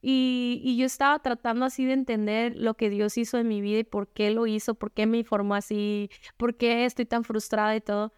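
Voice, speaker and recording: The voice is a woman's, slightly high with little pitch movement, moving at a moderate pace with hardly any pauses. In a conversational, frank manner she gives her faith testimony to fellow women, frequently tossing in "¿no?". Her tone is clean, and the studio recording has no room sound.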